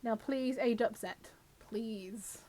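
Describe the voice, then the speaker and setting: This woman's voice is a little high, slow and dark in tone, with a slight scratchiness because she has a cold. She's casually chatting as she live-streams a game, addressing both her viewers and its characters.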